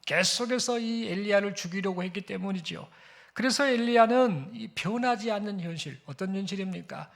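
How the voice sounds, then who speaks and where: A male pastor preaching a sermon in a measured, storytelling manner. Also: high-pitched, vocal fry.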